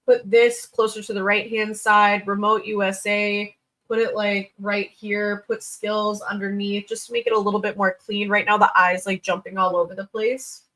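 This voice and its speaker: Reviewing resumes on a livestream, this woman gives chatty, blunt, unscripted feedback, humming little sing-song fillers as she thinks aloud. Her mid-range voice is level, moderately paced and a bit bright, on a rough recording.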